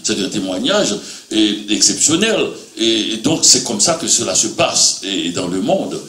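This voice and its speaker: Low-voiced writer from Haiti, halting. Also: male voice, very animated, pushed and bright, slight background noise. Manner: reflective, halting, with many fillers. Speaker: writer on a panel. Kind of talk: panel discussion. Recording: roomy hall sound.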